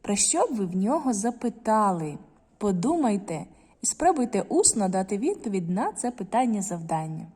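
A woman teacher giving a recorded reading lesson to children, reading words slowly and carefully with clear stress. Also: mid-range voice, very animated, mellow, in a large hall. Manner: slow careful word-by-word reading, stressing syllables.

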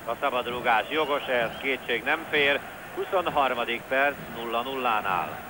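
A man giving live football commentary in a conversational way, with clipped calls of players' names. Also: medium pitch. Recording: noisy old TV broadcast, stadium ambience. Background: stadium crowd noise.

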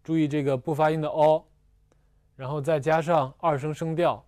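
A man teaching a language lesson, slowly explaining spelling and pronunciation with patient repetition and small fillers. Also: fairly high pitch, fairly even intonation, darkish tone, no echo, clean studio sound. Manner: slow and patient, repeats syllables twice, fillers like "啊" and "呃". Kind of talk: slow, deliberate classroom explanation.

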